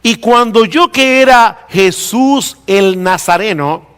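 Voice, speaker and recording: A male pastor preaching a sermon in a church hall, stressing key words by slowing down and rising. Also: sits high, fairly bright tone, clear, resonant tone. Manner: emphatic preaching, slows down and rises for stress. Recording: long reverb of a hall.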